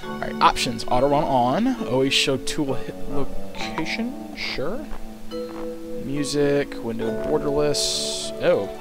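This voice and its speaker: A young adult man hosting a let's play rambles casually over video game music, thinking aloud and swearing now and then. His voice is a little high, swings widely in pitch, and moves at a slow pace. He's indoors in a small room at home.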